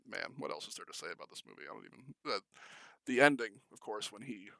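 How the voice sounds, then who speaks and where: A young podcast co-host talks casually and enthusiastically about films, rambling with lots of fillers and restarts. He talks fast in a fairly low, sing-song voice that's creaky and a bit bright. The recording is dry.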